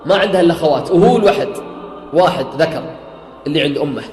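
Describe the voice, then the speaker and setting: A man's voice: on the high side, animated, racing, darkish tone. A man, a preacher telling a story in sermon style, swearing oaths and rising to a near-chant. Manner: retells an eyewitness account, swearing oaths, rising to near-singing emphasis. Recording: echoey hall with faint music.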